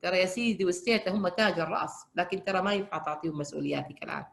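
A woman counselor gives a lecture, retelling counseling cases at a brisk clip. She acts out the people she quotes, jumping suddenly high in pitch. Her delivery is lively and full of storytelling. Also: creaky. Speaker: family counselor giving a lecture. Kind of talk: lecture with retold counseling stories.

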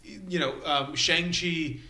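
Middle-aged man, laid-back movie chatter, bright voice, roomy echoey recording. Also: on the high side, steady tone, measured pace. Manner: laughing, mock-voicing others. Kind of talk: casual chat. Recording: roomy echo.

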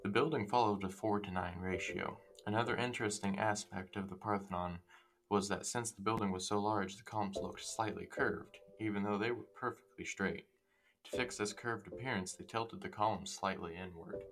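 A man's voice: on the low side, fairly even intonation, moderate pace, fairly bright tone. A man reading out facts in a school presentation. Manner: plain, reads out facts. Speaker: class presenter. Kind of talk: read-aloud school presentation.

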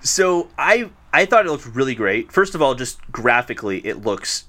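A man co-hosting a podcast, talking in a relaxed, explanatory way with a few fillers. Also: mid-range voice, normal speed. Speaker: podcast co-host. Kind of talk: casual chat.

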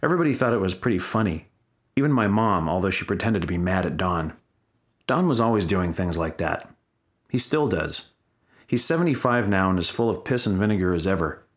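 Low-voiced man telling wry, profane stories. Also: expressive, a little fast. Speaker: memoir reader. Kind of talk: first-person comic storytelling.

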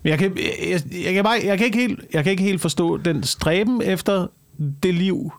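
Creaky-voiced man, slightly high. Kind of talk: casual discussion.

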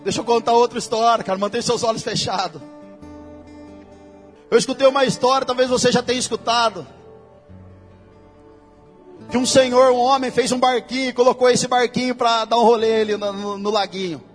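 A Brazilian man preaching in a church with a very high voice. He keeps the sermon casual and full of slang and speaks straight to the congregation. Soft music plays behind him. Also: steady tone, brisk, long pauses. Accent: Brazilian Portuguese. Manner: casual, slangy preaching that addresses listeners directly.

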